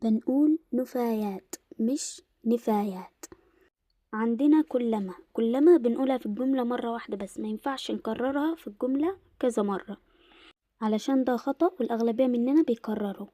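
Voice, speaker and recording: A young woman with an Egyptian Arabic accent teaching an Arabic lesson in a casual explanatory way, slowing down to stress word pairs. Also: fairly high pitch, warm tone, dry recording, studio quality.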